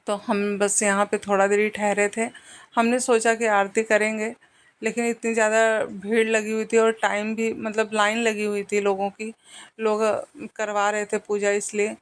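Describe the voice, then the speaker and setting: Chatty young woman vlogger, flat pitch. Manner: chatty, addresses viewers as friends; rambling with fillers and restarts. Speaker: family vlogger. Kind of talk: casual travel vlog narration.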